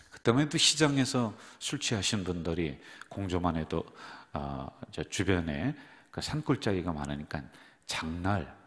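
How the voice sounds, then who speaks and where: Low-voiced pastor preaching in a hall. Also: male voice, creaky. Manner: addresses the congregation directly, asks and answers his own questions. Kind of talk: sermon. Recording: long reverb of a church hall.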